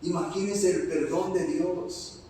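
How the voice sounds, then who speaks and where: A man's voice: high voice, fairly even intonation, slow, dark tone, slight background noise. A man from Mexico, a pastor preaching a sermon, telling a personal story and calling the congregation brothers. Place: church hall. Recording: echoey church hall from far off.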